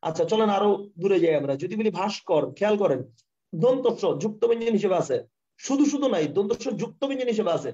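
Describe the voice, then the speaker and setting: Bangladeshi guy teaching grammar online, super fast, mellow voice, keeps asking if it's clear, dull mic. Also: high-pitched, animated. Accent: Bangladeshi Bengali. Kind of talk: live online lesson with screen share. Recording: dull, lo-fi online class audio.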